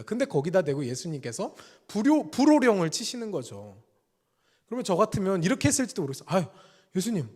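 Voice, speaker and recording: A man preaching with earnest emphasis, his voice sitting somewhat high for a man. His loud, stressed lines alternate with hushed, low-pitched asides. The sound rings with the long reverb of a church sanctuary. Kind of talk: sermon.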